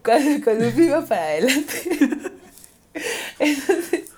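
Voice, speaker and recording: A woman's voice: high voice, very animated, a little slow, a little mellow. A woman with a Mexican accent, co-hosting a casual podcast, telling funny self-mocking stories and laughing as she goes. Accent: Mexican Spanish. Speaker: podcast co-host.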